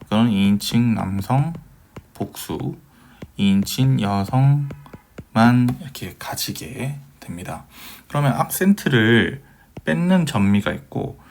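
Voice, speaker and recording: A man's voice: mid-range voice, animated, takes it slowly, creaky, a little mellow, a little hiss or hum. A man giving a recorded Hebrew grammar lecture, patiently asking questions and answering them himself, with many fillers.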